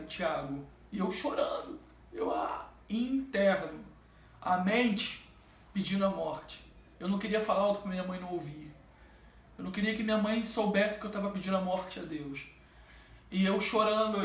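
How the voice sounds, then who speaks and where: High-pitched guy giving a church testimony, halting and fervent, kinda far off and echoey. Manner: fervent, halting, with many restarts and drawn-out repeats. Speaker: gospel singer giving testimony. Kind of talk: emotional religious testimony. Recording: roomy and distant from the mic.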